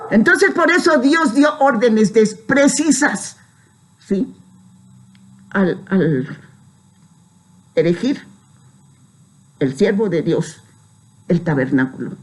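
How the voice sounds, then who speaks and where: A woman pastor preaching a sermon, lifting her voice when she reads scripture and often checking in with her listeners with a quick "¿sí?". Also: mid-range voice, lively intonation. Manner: preaching with emphatic rises on scripture, frequent "¿sí?" tags.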